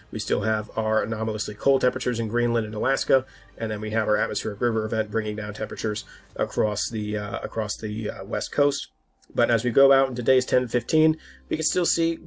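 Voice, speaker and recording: Hosting a casual weather forecast, this man has a mid-range voice that sounds a little congested. He thinks out loud, frequently stopping and starting over.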